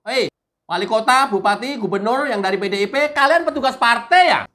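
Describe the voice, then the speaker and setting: A woman's voice: a little high, animated, a little fast, a bit bright. A woman giving a mocking, emphatic political commentary full of rhetorical questions.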